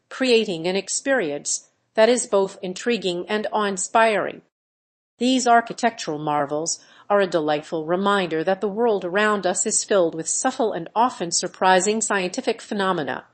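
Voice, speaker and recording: A woman delivers scripted explainer narration at a medium pitch. She is measured and articulate throughout, setting out each point as a narrator reading from a prepared text.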